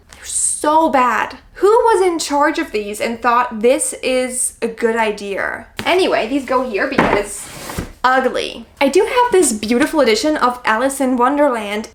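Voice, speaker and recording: A woman's voice: high voice, fairly bright tone. A woman chatting casually to camera as a vlogger, gushing and informal, with self-deprecating asides. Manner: gushing, effusive about the books she likes. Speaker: book vlogger hosting her own video. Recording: clear background noise, clicks.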